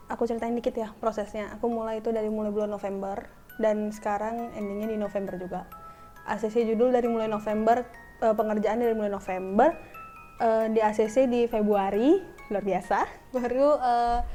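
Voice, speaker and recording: A woman's voice: on the high side, a little mellow. A twenty-three-year-old woman, a fresh graduate, chatting casually to camera and slipping in English phrases. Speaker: new education graduate.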